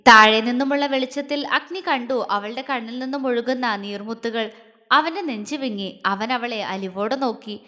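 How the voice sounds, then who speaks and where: A woman narrating a romantic family story in a steady, expressive reading. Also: fairly high pitch, normal speed. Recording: long reverb.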